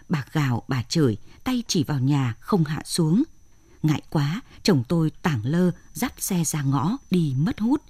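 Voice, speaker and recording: A woman, narrating a story in a plain, steady way. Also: sits low, slightly rough, no echo. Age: 60s. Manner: plain, steady telling with lists of short phrases.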